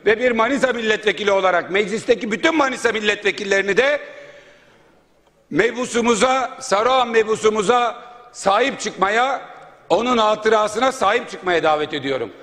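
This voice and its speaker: A male member of parliament gives an indignant, rhetorical floor speech at a podium microphone, listing his points one by one. His voice is high, a bit bright, and a little fast, with the long reverb of a large parliament chamber.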